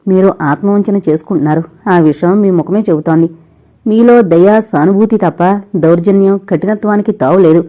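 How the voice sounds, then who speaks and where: A grieving young married woman pleads through tears with the man she still loves. A woman reads her aloud in an audio novel. Her voice is warm and mellow. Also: fairly low pitch, brisk, lightly acted. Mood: tearful pleading. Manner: tearful, imploring.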